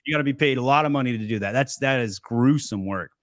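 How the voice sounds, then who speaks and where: A man's voice: mid-range voice, quick pace, a bit bright, dry recording, studio quality. A man hosting a live question-and-answer stream, giving blunt, joking advice in a casual chat. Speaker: host of a live seller Q&A.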